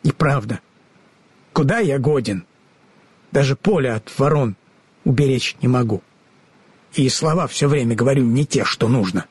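A man's voice: mid-range voice, animated, moderate pace, long pauses, a little mellow, husky, no echo. A man voicing a kind, naive talking scarecrow who stammers and mixes up his words in an audiobook. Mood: rueful. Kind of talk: audiobook character voice.

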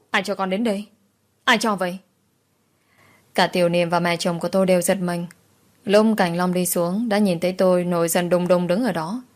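A woman's voice: fairly low pitch, a little mellow. Woman narrating an emotional romance novel. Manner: dramatic, emotional storytelling. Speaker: audiobook narrator.

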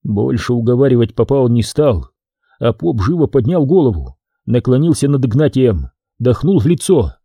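A man narrating an audiobook in an expressive, measured manner. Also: medium pitch, husky, dry recording.

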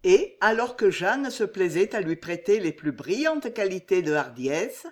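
A woman narrating a classic novel aloud in a measured, expressive way. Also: mid-range voice. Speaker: audiobook reader.

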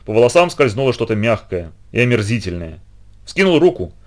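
A man's voice: mid-range voice, sing-song, brisk. A man reading a children's story aloud in the first person, with dramatic expression. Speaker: reader.

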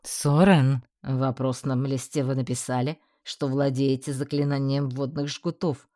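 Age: adult. Figure: woman voicing an icy sarcastic male professor. Pitch: lowered. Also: level tone, unhurried, dark tone, dry recording, clean studio sound. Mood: icy sarcasm. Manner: icy, cutting, mocking.

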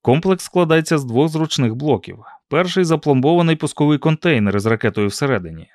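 A man's voice: a little high, expressive, fast talker, a little mellow, dry recording. A man reading a first-person audiobook in a dry, ironic storytelling manner. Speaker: audiobook narrator.

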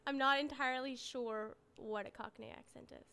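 A high, bright young woman's voice, put on by a man, with a slightly sick, off sound. She speaks dryly and casually. She sounds like a podcast co-host. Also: steady tone, normal speed, clean tone, full character voice. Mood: evasive. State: a little sick, clearing throat.

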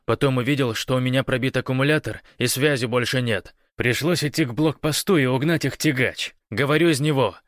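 A man voicing a desperate young man who yells commands over a radio, high and loud, in a dry recording. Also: brisk, few pauses, no echo, natural voice. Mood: commanding. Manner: shouting, commanding.

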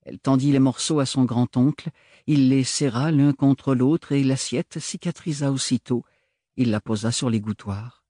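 A man narrating a novel as an audiobook reader, in measured, steady storytelling. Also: a little high, no room sound, studio quality. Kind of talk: scripted narration.

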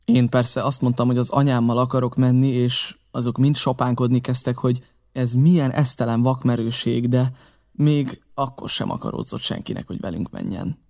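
A male audiobook narrator with a gravelly, creaky texture to a mid-pitched voice. He tells the story at a steady, measured pace. His reading sounds scripted and composed. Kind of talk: scripted first-person narration.

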